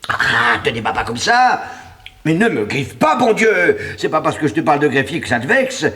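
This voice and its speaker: A vain scheming crime writer. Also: male voice, big pitch swings, moderate pace, bright, forceful tone, breathy edge, full character voice. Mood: gloating. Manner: theatrical, swings from wheedling whispers to shrill outbursts. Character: scheming middle-aged male crime writer, vain and manipulative. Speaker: Anselme Leroy, suspect author. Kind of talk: 1980s radio drama acting.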